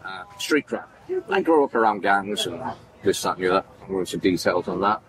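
Low-pitched and fairly quick, a Manchester man in his forties tells animated stories as a podcast guest, acting out the quoted voices with broad gestures. The casual interview is set at an indoor farmers market event backdrop, with crowd noise and poor audio.

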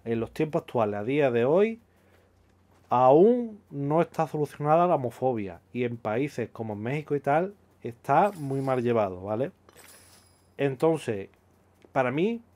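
A man's voice: medium pitch, a little mellow. A man hosting a casual commentary video, talking emphatically and throwing out rhetorical questions. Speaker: youtuber host.

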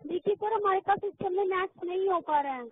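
High, rapid call-center woman over phone. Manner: polite, formal, patiently repeating questions. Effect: heard over a phone line. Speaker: customer service agent. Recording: tinny phone line.

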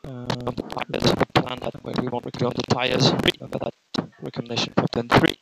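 A male race engineer gives instructions over race car onboard radio, repeating them methodically. His mid-pitched voice is creaky and gravelly, filtered through a noisy link with clicks. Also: monotone, a little fast. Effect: team radio filter. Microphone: radio headset.

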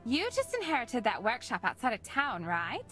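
A high Valley Girl gossip. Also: wildly swooping pitch, normal speed. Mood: bubbly. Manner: gushing, nosy. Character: chatty young gossipy townswoman. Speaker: game character. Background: game music.

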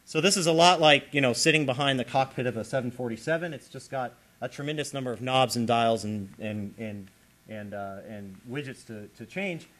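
A man lecturing on computer science, explaining with lively emphasis and checking in with his audience. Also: mid-range voice. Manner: animated, explanatory, checks in with listeners. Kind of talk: academic lecture.

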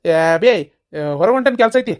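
Woman voicing a brisk exasperated villager. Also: fairly high pitch, lively intonation, a little mellow, close to an everyday voice. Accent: North Karnataka Kannada.

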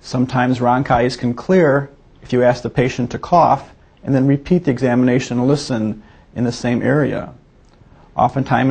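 A man's voice: medium pitch, creaky, darkish tone, slightly rough. A man teaching a medical exam as a physician, talking students through each step in a methodical, explanatory way.

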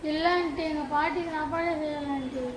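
A woman voicing a small, polite neighbor boy who speaks softly and childishly in a comedy sketch. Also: high-pitched, steady tone, fairly quick, reverberant, a little hiss or hum, lightly acted. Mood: shy, childlike. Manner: soft, childlike, keeps saying aunty.

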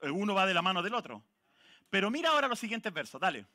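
Chilean pastor, male, high bright voice, lively joking sermon delivery. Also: quick pace. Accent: Chilean Spanish. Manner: lively, jokes with the congregation, calls out people by name. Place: church.

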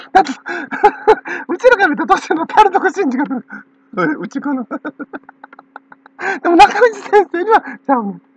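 A woman with a Kansai accent talking in a rambling casual monologue, laughing often between phrases, on a dull lo-fi recording. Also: extremely high pitch. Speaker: channel owner.

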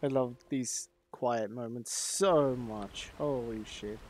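A man's voice: mid-range voice, slow pace, darkish tone, a little hiss or hum. A man chatting casually while playing a game and reading its dialogue aloud. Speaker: streamer. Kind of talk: casual gameplay commentary.

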